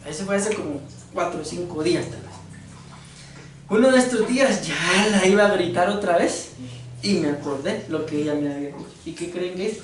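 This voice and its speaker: A man's voice: high-pitched, a little fast, slight background noise. A man with a Costa Rican accent preaching a conversational sermon, joking and asking his congregation rhetorical questions. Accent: Costa Rican Spanish. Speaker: pastor. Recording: very echoey room, voice from far off.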